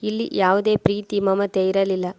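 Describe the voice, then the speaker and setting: A woman reading a sorrowful first-person story in a steady way. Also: medium pitch, moderate pace, no room sound.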